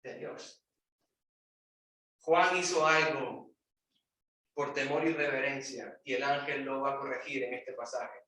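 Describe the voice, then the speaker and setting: A man preaching a sermon in a church hall, emphatic, firing rhetorical questions and swinging between loud and hushed. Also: mid-range voice, flat delivery, normal speed, distant mic. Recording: very echoey room, voice off-mic.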